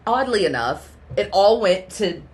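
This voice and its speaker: Animated woman chatting about movies. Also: mid-range voice, measured pace, a little hiss or hum. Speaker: podcast co-host. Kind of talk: casual chat about movies.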